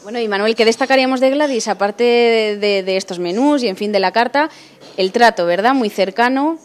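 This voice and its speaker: A woman's voice: fairly high pitch, brisk. Young woman reporter asking questions. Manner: friendly prompting questions. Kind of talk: on-camera interview. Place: restaurant, indoors. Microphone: handheld mic.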